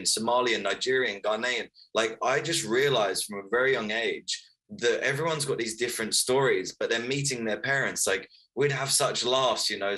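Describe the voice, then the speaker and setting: A man's voice: lowish voice, sharp tone, poor audio. A man of thirty, telling his life story earnestly as an author guest in a casual interview. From Wales, raised in London. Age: 30s.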